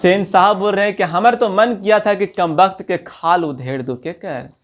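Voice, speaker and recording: Speaking at normal speed in a high-pitched voice, a man teaching Hindi goes through a textbook story line by line. He reads each passage, restates it in the local dialect, and asks the listener questions.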